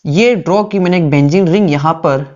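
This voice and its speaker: A man's voice: fairly high pitch, moderate pace, a little mellow, highs cut off. A male teacher giving a classroom lecture, asking questions aloud and answering them himself while repeating the key terms.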